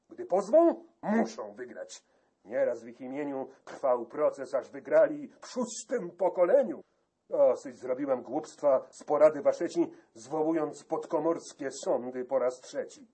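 A man voicing an irate, stubborn older country judge who shouts indignantly in a classic storybook reading. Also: fairly high pitch, slightly rough, voice pushed up.

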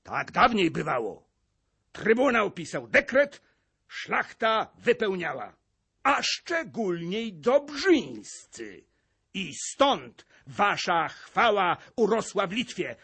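A man voicing a grim, vengeful old male servant, declaiming in rhymed verse with a husky voice. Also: high-pitched, big pitch swings, slow, sharp tone, heavily acted. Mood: boastful.

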